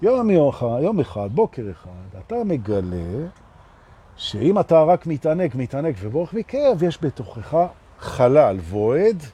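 A man giving a live spiritual talk. He moves between slow, emphatic teaching and playful, self-mocking jokes. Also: a little high, very animated, dark tone, husky.

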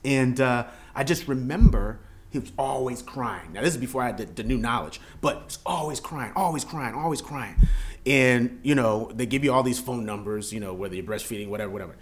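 A man from the Philadelphia area, a podcast guest telling stories in casual chat, animated and bursting into loud excited exclamations. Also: mid-range voice, fairly quick.

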